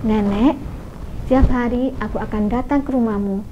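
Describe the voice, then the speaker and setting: A woman voicing a patient, kind man who speaks softly and steadily, on muffled radio audio. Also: a little high, fairly even intonation, moderate pace, noisy background, natural voice. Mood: gentle.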